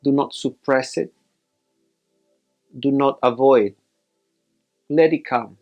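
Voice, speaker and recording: A male teacher with a mid-range voice leads a guided meditation, giving measured instructions in short, separated phrases. The sound is lo-fi, with faint music in the background.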